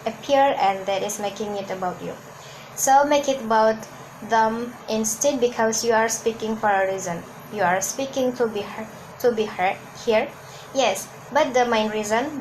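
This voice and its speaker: This instructional talk to camera comes from a Cantonese-speaking woman from Hong Kong, her voice on the high side, who earnestly discusses public speaking and keeps restarting her words. It's a low-quality recording with a little hiss or hum.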